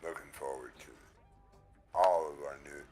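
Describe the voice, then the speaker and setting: A man's voice: extremely low pitch, fairly even intonation, normal speed, a little mellow, soft background music. A man hosting a livestream through a headset mic, casual and easygoing, often thanking his viewers. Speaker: livestream host.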